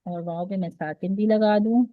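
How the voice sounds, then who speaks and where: A woman's voice: medium pitch, fairly even intonation, normal speed, no room sound, narrow, tinny audio. A woman with a Pakistani Urdu accent teaching an online Quran recitation class, explaining step by step and often checking that her students follow. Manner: patient, explains step by step with frequent "theek hai?" checks.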